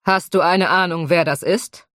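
A stern, calm male inspector, as a woman reads him in an audiobook. He speaks curtly and with command, in a lowish, dry voice. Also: normal speed, dry recording, lightly acted. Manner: curt and commanding.

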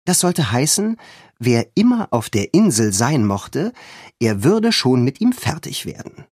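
A male narrator reads a children's adventure audiobook in an unhurried, animated way. His voice has a husky grain and moves lively through its range. The recording is close and dry, with no room sound. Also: medium pitch, no room sound. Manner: calm, expressive storytelling.

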